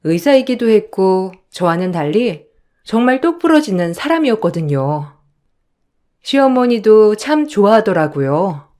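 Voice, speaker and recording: A woman narrates a listener's story in the first person. Her delivery is calm and conversational, with a middle pitch. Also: unhurried.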